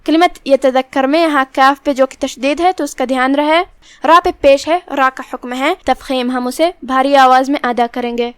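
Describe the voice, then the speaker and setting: A woman with a Pakistani Urdu accent, teaching Quran recitation rules in a measured, instructive way. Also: high voice, fairly even intonation, a bit bright, no room sound. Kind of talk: tajweed lesson, explaining rules word by word.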